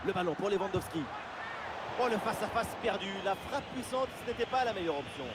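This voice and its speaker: A man giving excited football commentary as play-by-play, with exclamatory calls. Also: high voice, quick pace. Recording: loud stadium-like background noise.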